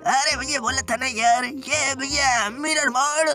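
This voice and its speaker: A man's voice: extremely high pitch, fairly even intonation, unhurried. A man voicing a whining, easily scared young male sidekick in a cartoon gameplay dub. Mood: chatty. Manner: whiny, pleading. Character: excitable young male sidekick who whines.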